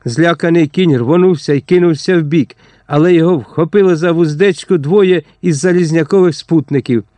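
A man narrating a historical novel in a steady, expressive audiobook reading. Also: fairly high pitch, normal speed, dry recording.

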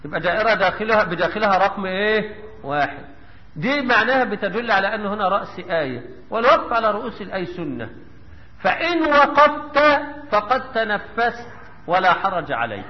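Egyptian man, high voice, Quran recitation teacher quizzing students, dull sound with long hall echo. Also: lively intonation, brisk. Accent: Egyptian Arabic. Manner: quizzes the class and answers himself. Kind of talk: tajweed lesson with chanted recitation.

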